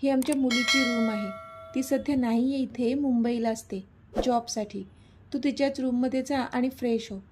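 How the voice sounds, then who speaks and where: A woman's voice: a little high, steady tone, moderate pace, background noise, close to an everyday voice. A woman voicing a hospitable, insistent middle-aged father in a read-aloud story. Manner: insistent, kindly. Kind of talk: storybook reading.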